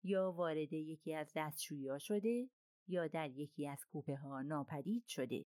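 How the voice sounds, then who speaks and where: Calm, methodical male detective reasoning aloud, read by a woman; low, dry audiobook voice. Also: no echo, natural voice. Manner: measured and explanatory.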